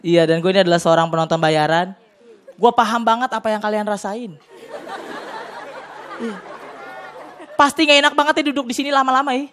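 A man with a notably high voice and a colloquial Jakarta accent works a live TV studio crowd with a stand-up set. He talks loudly and excitably and keeps bursting into shouted punchlines. A faint murmur of audience laughter and some light noise sit behind him. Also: a little fast, long pauses. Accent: Jakarta colloquial Indonesian. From Tanjung Priok, Jakarta, Indonesia. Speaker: stand-up comedian. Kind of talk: stand-up comedy routine.

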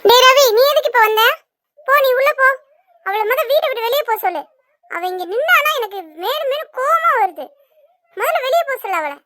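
Someone doing a shrill, furious cartoon mother. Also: lively intonation, brisk, sharp tone, no room sound, clean studio sound, full character voice. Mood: angry. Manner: harsh, scornful scolding. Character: angry scolding mother of a young man. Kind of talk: cartoon voice acting.

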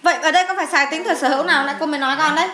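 Female English tutor, high bright voice, coaxing question-and-answer style. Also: rapid-fire. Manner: coaxing, asks questions and answers them herself. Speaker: English teacher. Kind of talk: explaining test answers to a child.

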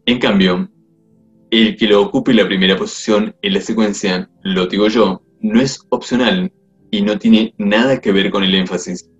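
A man reading a grammar textbook aloud in a measured, explanatory way. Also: on the low side, steady tone. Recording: dull lo-fi audio with faint music. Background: faint music.

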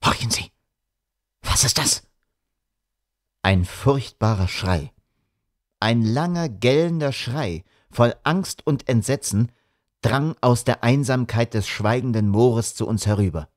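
A man reading an audiobook, with measured, atmospheric dramatic narration. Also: medium pitch, expressive, darkish tone, no room sound, studio quality.

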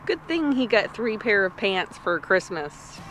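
A woman chatting casually as an RV travel vlogger, playful and quick to laugh. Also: mid-range voice, big pitch swings, over music. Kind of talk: casual vlog chat.

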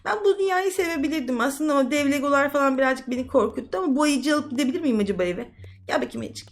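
High, excitable woman gamer. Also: fast talker. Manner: excitable, exclamatory, chatty. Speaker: gaming YouTuber. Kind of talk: casual gameplay commentary.

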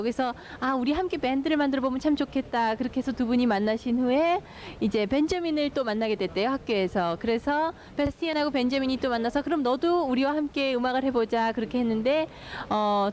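A woman interpreting between Korean and English in a hotel lounge, speaking quickly and politely. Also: fairly high pitch, a little mellow, a little hiss or hum. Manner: rapid, fluent, polite.

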